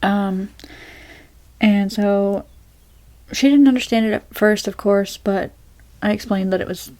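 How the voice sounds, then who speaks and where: Soft-spoken woman rambling through a Q&A. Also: mid-range voice, measured pace. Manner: rambling, many fillers and restarts. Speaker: ASMR creator.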